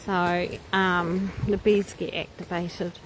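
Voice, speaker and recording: A woman's voice: on the low side, little pitch movement, slow, rough recording. A woman giving casual, musing live commentary on a nature walk, with exclamations of wonder. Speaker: vlogger leading a nature walk. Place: outdoors on a wooded walking trail. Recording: outdoor ambient noise, birdsong. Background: nature ambience with birds.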